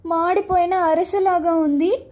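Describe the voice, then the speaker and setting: A woman's voice: extremely high pitch, fairly even intonation, unhurried, a little mellow. A woman voicing a kind mother in a children's story who soothes and sometimes scolds her son. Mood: soothing. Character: patient mother, kind but quickly scolding.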